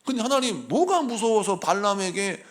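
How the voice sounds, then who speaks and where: A middle-aged man, a senior pastor, preaching a sermon in an animated storytelling way and acting out the people in his stories. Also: high voice, moderate pace.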